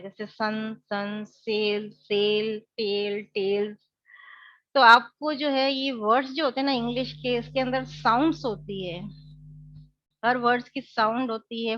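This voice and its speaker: A woman's voice: a little high, no echo, muffled recording. A woman teacher, explaining an English lesson in Hindi mixed with English. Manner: slows right down on English phrases.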